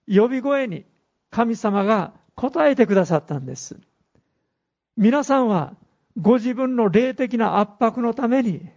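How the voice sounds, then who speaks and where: A man preaching a sermon as pastor, speaking earnestly with pauses and reading scripture aloud. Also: extremely high pitch, a little mellow. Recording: dull lo-fi recording.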